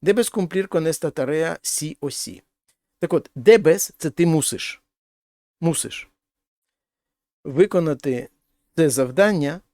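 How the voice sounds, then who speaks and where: Male language teacher, slightly higher voice, patient step-by-step grammar explanations, dry close recording. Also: a little mellow, no room sound. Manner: explains step by step, translating each example. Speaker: Spanish teacher.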